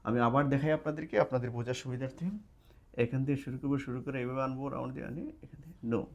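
A language teacher gives a casual lesson at a board indoors, in a classroom or study room, working through things step by step and checking in often with his listeners. His voice is mid-range with fairly even intonation, and he talks at a rapid-fire pace. A camera mic picks him up as he writes on the board.

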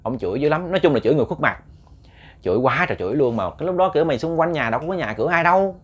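A man's voice: fairly high pitch, animated, racing, breathy edge, lo-fi sound. Man, ghost story narrator, chatty, talks to listeners, repeated words. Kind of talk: storytelling to an audience.

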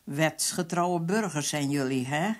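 A woman's voice: sits low, a little slow. A woman voicing a brutal male police captain who barks threats and orders. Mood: menacing. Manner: harsh, barking threats.

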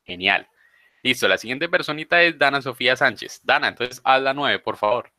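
A man teaches an online class, patiently breaking grammar rules into small steps. His voice is bright and sharp, and the sound is dry and close with no room around it. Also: medium pitch, normal speed, no echo. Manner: patient, explains step by step.

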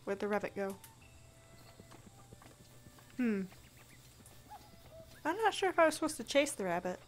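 A woman's voice: on the high side, very animated, measured pace. A woman hosting a gameplay video, giving casual commentary in a chatty, playful way, thinking aloud as she plays.

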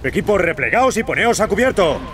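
A man's voice: high voice, big pitch swings, a little fast, slight background noise. A man playing a resolute, loyal military captain in an action game, with a Castilian Spanish accent.

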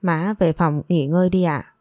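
A woman's voice: lowish voice, steady tone, moderate pace, darkish tone, no room sound, studio quality, soft background music, lightly acted. A woman voicing a tearful, wheedling young woman in a romance story, speaking in a plaintive, whimpering way.

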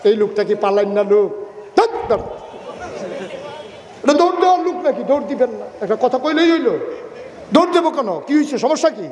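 A witty, unshaken prophet with teasing, calm replies, as a high-voiced male preacher acts him out. The sound rings through a big hall with a long reverb. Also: racing, few pauses, a faint crowd, natural voice.

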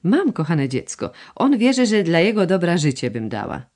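Woman narrator voicing a plaintive aristocratic mother; gushing, coaxing, lively sing-song reading. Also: lowish voice, normal speed. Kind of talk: audiobook dialogue reading.

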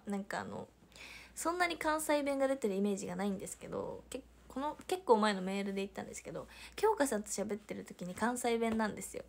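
A young woman with a Hiroshima Japanese accent chats casually on a livestream. Her voice sits a little high, and she reads out viewer comments and laughs often. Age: young adult. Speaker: idol livestreamer.

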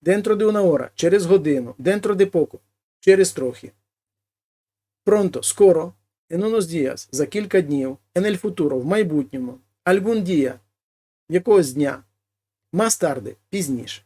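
Higher-voiced male language teacher. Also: animated, mellow. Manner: reads each Spanish phrase, then translates it slowly and explains. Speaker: Spanish teacher. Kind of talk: language lesson.

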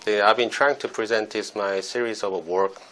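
A man in his forties speaks as a spine surgeon in his office, answering an interviewer. His voice is very low, and he searches for words with frequent fillers. A faint hiss sits under the recording. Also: steady tone, normal speed, fairly bright tone, low-quality recording. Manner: hesitant, many fillers, searching phrasing. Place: doctor's office, indoors.

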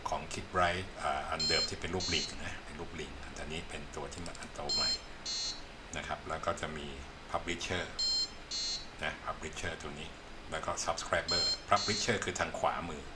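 Deep-voiced man teaching code over noise. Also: fairly even intonation. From Thailand. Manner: unhurried, explains step by step, asks "see?" often. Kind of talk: screen-recorded coding tutorial. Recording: loud background noise.

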